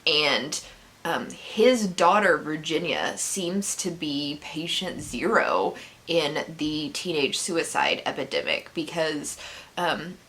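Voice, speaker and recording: A woman reviewing books on her vlog tells the plot in a deep, fairly bright voice with lively intonation and a slow pace. Her casual chat is full of giggles, laughter spilling into her sentences, and sarcastic quips.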